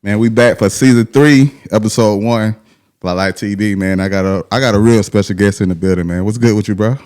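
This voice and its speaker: A man's voice: fairly low pitch, brisk, darkish tone, clear, resonant tone. A man with a Southern US accent hosting a casual interview in slangy street talk, repeating phrases and often saying man and bro. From Glenville, Georgia, United States. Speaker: host interviewer of a hip-hop show.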